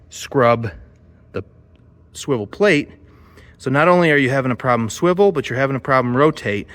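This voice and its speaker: A man talking through a theater set build in a loose, rambling vlog manner. His voice sits at an ordinary middle pitch. He chats casually and explains each step as he goes. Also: a bit bright. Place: theater stage and workshop.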